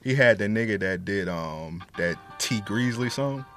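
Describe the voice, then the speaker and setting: Low-voiced man from Florida, casual and slangy. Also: lively intonation, a little slow, a bit bright, faint music behind. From Florida, United States. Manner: informal, slangy, profane. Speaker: podcast co-host reviewing music. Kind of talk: casual slangy music chat.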